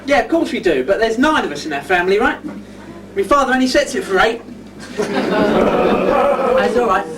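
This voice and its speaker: A man's voice: high-pitched, expressive, moderate pace. A man playing a lazy, cheeky young shop assistant who jokes and chats with the audience, on an amateur village pantomime stage recorded from far off. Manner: cheeky, chatty, joking with the audience. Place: pub skittle alley stage with audience. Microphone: far audience camera. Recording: distant noisy live stage recording.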